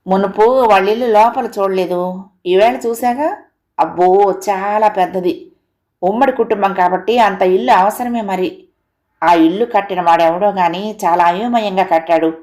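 A woman's voice: mid-range voice, normal speed, darkish tone, lightly acted. A woman voicing a talkative middle-aged housewife in an audio story, rambling on in a complaining, chatty way.

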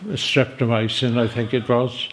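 A man's voice: medium pitch, steady tone, moderate pace, slight background noise. An older man recounting past events vividly in an interview. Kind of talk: storytelling interview.

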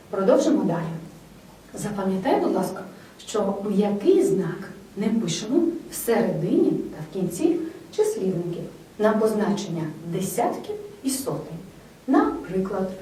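A woman's voice: on the high side, warm tone. A woman teaching a spelling lesson, reading out word lists one by one and asking whether the listener has memorized them. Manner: dictates word lists slowly, checks memory. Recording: very echoey room, distant mic, faint noise.

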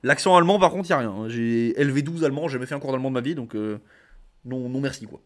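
A man's voice: mid-range voice, fast talker. Young man, casual card reviewer; reads the text, then slangy offhand reactions. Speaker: card game content creator.

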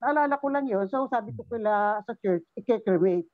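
A woman sharing a personal story in an online Bible study, halting and repeating herself, often quoting what others said. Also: fairly high pitch, dry recording. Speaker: church member sharing testimony. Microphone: video call. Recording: tinny phone-like call audio.

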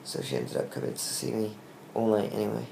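A young British man, weak, tired and short of breath after surgery, talking haltingly in a casual video diary. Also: fairly low pitch, big pitch swings, creaky. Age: young adult. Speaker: vlogger giving a recovery update. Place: small hospital room, lying in bed. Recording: roomy echo with faint background hiss.

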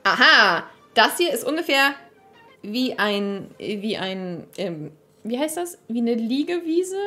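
A woman's voice: on the high side, bright, forceful tone. A young woman streamer chatting casually on a livestream at a desk microphone, overwhelmed and giddy, laughing and squealing often. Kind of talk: excited livestream unboxing chat.

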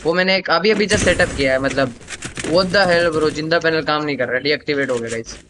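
A man's voice: a little high, a little fast, noisy background. Young man teasing friends over gunfire. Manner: joking, teasing banter with teammates, mixing in English phrases. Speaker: livestreaming gamer. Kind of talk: casual live gameplay commentary. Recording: game gunfire loud under voice. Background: game gunshots and machine-gun fire.

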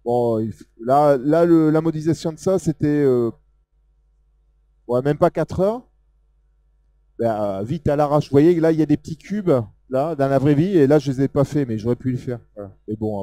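A man with a Southern French accent walks an audience through a software demo in a loose, filler-heavy way. His voice sits a little high for a man but sounds dark and mellow. The sound is dry and close. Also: dry recording. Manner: casual, hesitant, many fillers, pointing things out. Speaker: software presenter. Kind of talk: live technical demo talk.

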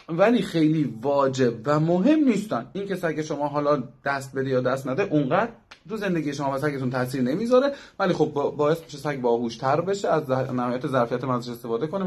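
A man's voice: on the high side, husky. A young man working as a dog trainer, giving a chatty instructional talk that runs through examples in long lists.

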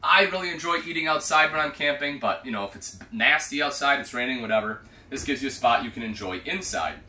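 A man in his thirties, working as a product specialist, shows off a travel trailer in a relaxed, talkative tour recorded inside the small space, peppered with "you know". He speaks fast in a mid-range voice that is expressive, pushed and bright.

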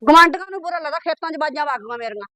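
A woman's voice: animated, bright, forceful tone, no echo. A woman with a Punjabi accent playing a nagging, scolding village mother in a family drama. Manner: scolding, complaining, quick and shrill. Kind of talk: amateur village drama acting.

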